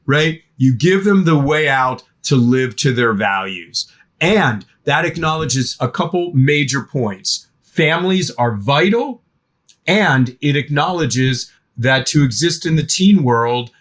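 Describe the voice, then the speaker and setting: Animated middle-aged man explaining. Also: fairly high pitch, slow. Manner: animated, acts out parents and teens in quoted voices. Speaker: guest expert on adolescence. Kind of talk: podcast interview answers.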